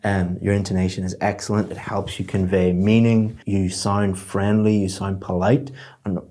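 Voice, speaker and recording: A man's voice: low-pitched, little pitch movement, moderate pace, warm tone. A man giving spoken feedback on a speaking test, explaining scores in an encouraging way with frequent restarts.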